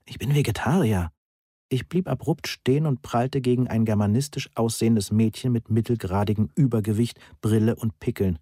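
A man narrating a first-person audiobook in a calm, even way. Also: medium pitch, fairly quick, hardly any pauses, no room sound, clean studio sound.

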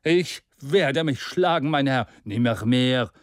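A man reading a story aloud, voicing a stern, proud male captain who speaks curtly and gravely. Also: medium pitch, expressive, slow pace, dry recording, studio quality.

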